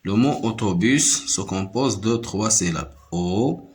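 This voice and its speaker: A man teaching a lesson to young pupils. He repeats each word slowly, counts out its syllables and switches between French and Arabic to explain. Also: lowish voice. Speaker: primary school French teacher. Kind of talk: slow classroom-style lesson.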